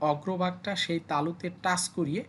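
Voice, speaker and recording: Low-voiced woman teaching pronunciation. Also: steady tone, slight background noise. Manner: patient, repeats sounds slowly for learners. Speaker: language teacher. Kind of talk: classroom pronunciation lesson.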